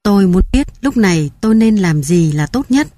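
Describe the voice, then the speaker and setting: A woman's voice: medium pitch, animated, normal speed, mellow, no room sound, clean studio sound, lightly acted. A woman narrator voicing a weary, ill elderly mother in an audiobook. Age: older. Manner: tired, plain.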